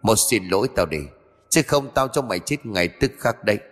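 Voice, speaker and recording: A man's voice: lowish voice, animated, moderate pace, in a large hall. A man voicing a cruel, domineering male ghost who talks in a threatening, commanding way.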